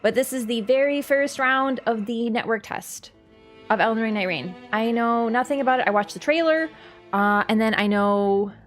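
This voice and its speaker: A woman with a fairly high, sleepy voice chats casually on a game stream. She sounds drowsy and contented but keen, and music plays behind her. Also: normal speed. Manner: excitable, gushing. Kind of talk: casual live stream commentary.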